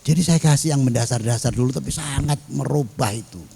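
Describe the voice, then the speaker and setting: A man's voice: medium pitch, a little fast, gravelly, warm tone, husky. A male cleric delivering a sermon in a humorous way, often throwing questions to his audience. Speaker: cleric and mosque council chairman.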